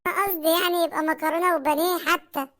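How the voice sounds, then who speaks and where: A woman's voice: extremely high pitch, fairly even intonation, racing, fairly bright tone. A woman voicing a hard-up, hungry husband in a cartoon, with an Egyptian accent and a whining, complaining manner. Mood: grumbling. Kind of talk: cartoon comedy voice acting.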